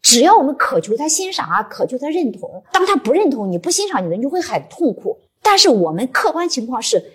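Husky woman professor. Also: high-pitched, very animated, fast. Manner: reflective, explains step by step. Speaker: literature professor, guest speaker. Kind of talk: live book-club talk.

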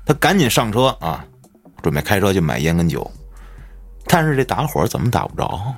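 A man tells a ghost story on a podcast in slangy, profane street talk. His low, husky voice swings wildly up and down to dramatize every turn. Faint music plays behind him. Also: huge pitch swings, normal speed. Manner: colloquial storyteller, swears often, dramatic swings in pitch. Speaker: podcast host.

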